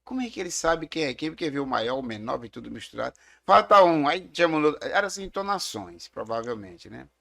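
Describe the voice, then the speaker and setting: Middle-aged guy, brazilian portuguese accent, gravelly voice, explains things slowly and tells stories like a teacher. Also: fairly high pitch, sing-song, a bit bright. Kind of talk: casual theological discussion.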